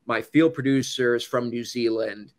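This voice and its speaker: A male news correspondent from the United States tells stories to an audience. His talk is casual and loose, with "like" and "you know" all through it, at an ordinary middle pitch. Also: normal speed.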